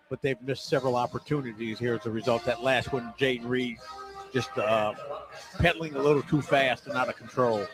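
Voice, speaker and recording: Man, medium pitch, basketball color commentary, analytical live radio talk. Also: low-quality recording.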